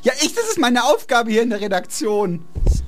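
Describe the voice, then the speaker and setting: A woman's voice: fairly high pitch, big pitch swings, normal speed, soft background music. A woman, a radio editor, patiently explaining things in a casual studio chat while being teased. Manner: explaining, patiently defending herself against teasing.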